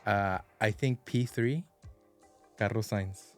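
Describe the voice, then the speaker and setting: A man's voice: lowish voice, slow, soft background music. A man co-hosting a podcast, chatting casually and joking with his co-host. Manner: laid-back, joking, teasing. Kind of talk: casual chat.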